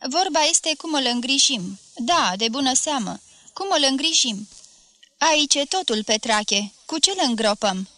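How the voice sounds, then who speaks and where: A woman putting on a fussy, greedy old village priest who mumbles and then shouts, spluttering as he presses his point. The voice sits a little high and sounds bright and forceful, recorded close and dry, as in a read-aloud storybook. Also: expressive, no echo. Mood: insistent.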